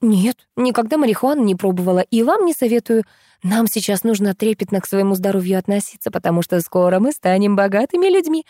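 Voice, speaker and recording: A woman's voice: mid-range voice, expressive, quick pace, mellow, dry recording, clean studio sound, close to an everyday voice. A woman voicing a feverish, secretive young woman in an audiobook. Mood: excited. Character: excited scheming young woman.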